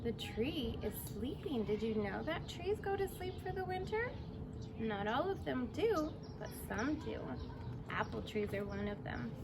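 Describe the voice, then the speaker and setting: A woman in her thirties or forties reads a picture book aloud to young children in a fenced backyard, drawing out words expressively and adding simple asides and questions. Her voice is fairly high, sing-song and measured in pace. The outdoor recording has clear background noise.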